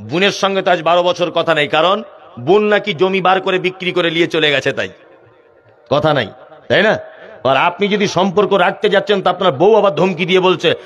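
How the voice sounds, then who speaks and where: A man preaching a Bengali waz sermon in a West Bengal accent, fiery, mocking, and rising to shouts. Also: high voice, brisk, highs cut off.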